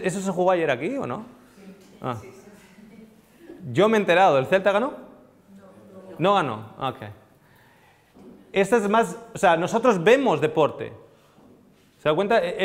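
A man in his thirties lectures a small live audience on nutrition, with a somewhat high voice, leaning into questions to the room. His lapel mic catches the long reverb of the hall around him. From Spain. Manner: animated, asks the audience questions, gestures a lot. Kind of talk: live seminar talk to an audience.

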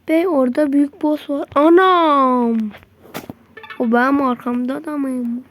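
High-voiced woman yelping through gameplay. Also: takes it slowly, pauses often, slight background noise. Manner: excitable, yelps and mutters at the game; slangy and teasing, talks to enemies. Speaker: gameplay streamer. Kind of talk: live gameplay commentary.

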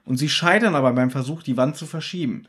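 Speaking quickly in a mid-range voice, this man co-hosts a podcast where he casually goes through a radio play's plot in detail. His retelling is thorough, and he livens up whenever he jokes.

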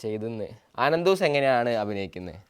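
A man's voice: mid-range voice, big pitch swings, a little fast, smooth. A man hosting his family vlog, chatting and quizzing family members about acting. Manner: chatty, interviewing family members, advice to creators. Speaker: family vlog channel host. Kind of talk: casual family vlog chat.

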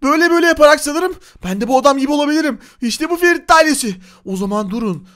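A man with a Turkish accent narrating a Minecraft role-play video, playful and excitable, talking to his viewers. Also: very high voice, rapid-fire. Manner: playful, excitable, talks to the audience. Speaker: gaming YouTuber.

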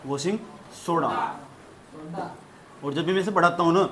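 A man's voice: a little high, normal speed, background noise. A man teaching a science class, repeating key terms and quizzing his students as he goes. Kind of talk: classroom lecture.

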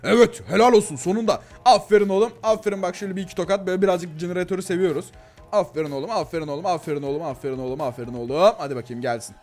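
A young man chatting excitedly through a game he plays, with a voice that swings between thin and deep, addressing his viewers. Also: racing, soft background music. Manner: excitable, chatty, talks to viewers as "gençler" and "abi", frequent laughs. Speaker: gaming YouTuber. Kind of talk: casual Let's Play commentary.

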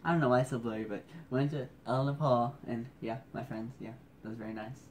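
Man, hushed home vlog, rambling, self-mocking, mid-pitched voice. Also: quick pace, a little hiss or hum. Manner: hushed, keeping his voice down. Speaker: vlogger. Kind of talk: casual photo-scrolling commentary. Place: at home indoors at night.

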